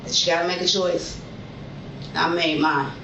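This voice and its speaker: A middle-aged woman speaks in angry, defiant slang during a police interview. She is picked up by a distant camera in a bare, echoing room. A steady hiss of noise runs under her voice. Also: fairly low pitch, moderate pace, gravelly, highs cut off. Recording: echoey room from far off, noisy.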